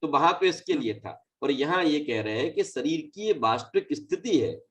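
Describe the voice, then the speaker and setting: A man's voice: a little high, lively intonation, normal speed, fairly bright tone, far from the mic. A man teaching a scripture class online, explaining patiently and correcting recitation.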